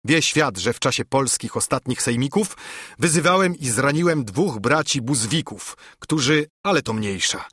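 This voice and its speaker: A man's voice: mid-range voice, lively intonation, normal speed, a bit bright, husky, no echo, clean studio sound, pitched above the performer's own voice. A man voicing a proud older nobleman judge in a dignified audiobook verse reading. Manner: dignified, declaiming.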